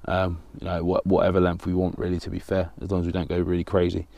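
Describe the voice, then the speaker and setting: Deep-voiced man explaining a fishing rig. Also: monotone, fast, gravelly, dark tone, dry recording. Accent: southern English. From England. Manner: plain, practical, talks while working with his hands. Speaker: fishing channel host. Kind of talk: step-by-step tutorial. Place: small indoor studio with banner backdrop.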